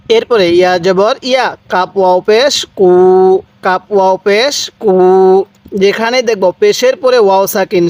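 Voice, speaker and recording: A man with a Bangladeshi Bengali accent teaching Quran pronunciation, slowly spelling out and repeating each syllable for learners. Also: sits high. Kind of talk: slow step-by-step pronunciation lesson.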